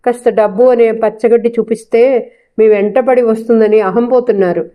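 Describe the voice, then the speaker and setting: A woman's voice: on the high side, fairly even intonation, normal speed, highs cut off, natural voice. A woman voicing a proud, defiant young wife with a cutting, sarcastic way of talking.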